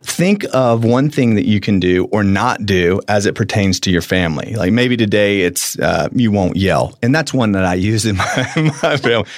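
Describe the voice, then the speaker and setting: Fairly low-pitched and expressive, this middle-aged co-host talks at normal speed on a casual radio studio show, with no room sound. He's earnest, laughs readily, and frequently starts his sentences over.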